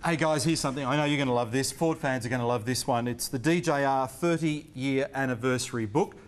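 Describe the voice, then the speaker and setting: A man's voice: mid-range voice, a little fast, a little hiss or hum. An Australian man hosting a televised motorsport interview, upbeat and joking as he presents. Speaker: TV motorsport host. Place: racing team workshop.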